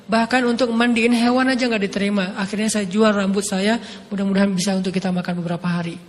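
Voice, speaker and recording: A male preacher voicing a poor, loyal wife gently explaining her hardship to her husband, in a long reverberant hall. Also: medium pitch, steady tone, quick pace, close to an everyday voice. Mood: sorrowful.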